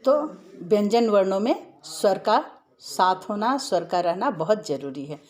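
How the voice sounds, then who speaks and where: A woman teaching a grammar lesson with a patient, step-by-step manner. Her pitch sits in the middle for a woman, and she keeps checking that her students are following along. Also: animated, unhurried, darkish tone. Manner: patient, explains step by step, often asks "है ना?".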